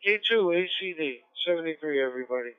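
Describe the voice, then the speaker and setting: A man speaks over a ham radio transmission from his car. The sound is thin, tinny and dry, yet his fairly high voice comes through smooth and clear. He chats in a relaxed way, with small restarts. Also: quick pace, no room sound. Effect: heard over a ham radio transmission. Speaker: ham radio operator checking in to a net. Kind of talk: casual radio check-in chat. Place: in a car on the road.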